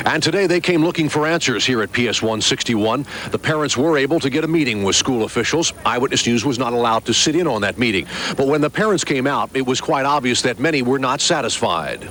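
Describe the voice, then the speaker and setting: A man delivering a local TV news report in a steady, formal reporting manner. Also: mid-range voice, fast talker, slight background noise, rough recording. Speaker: field reporter.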